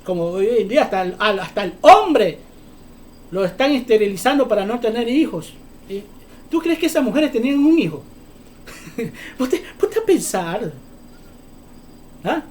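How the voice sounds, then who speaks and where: A man preaching a sermon, fervent and often shouting, firing off rhetorical questions. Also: very high-pitched, lively intonation, moderate pace, pauses often, slight background noise.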